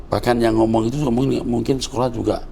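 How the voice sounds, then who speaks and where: A man's voice: mid-range voice, fairly even intonation, fast, vocal fry, mellow, a little hiss or hum. A man in his sixties, a pastor answering viewer questions in a fatherly, lecturing way. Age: 60s. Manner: fatherly, lecturing, calls listener "Nak". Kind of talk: conversational teaching.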